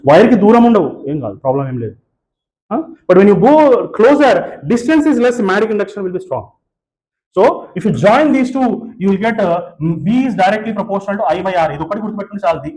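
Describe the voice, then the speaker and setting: A man's voice: high-pitched, darkish tone, poor audio. A man with a Telugu accent teaching physics to a class, switching between English and Telugu, with frequent fillers and restarts. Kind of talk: classroom lecture. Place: classroom with students present.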